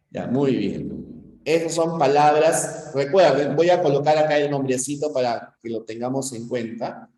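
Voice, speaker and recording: A man's voice: mid-range voice, a little slow, dark tone. A man with a Peruvian accent teaching a grammar lesson, stressing points and checking in with the class often. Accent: Peruvian Spanish. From Peru. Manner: emphatic, checks in with frequent "¿ya?" and "¿no?". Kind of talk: pre-university grammar lesson. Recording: echoey room with long reverb.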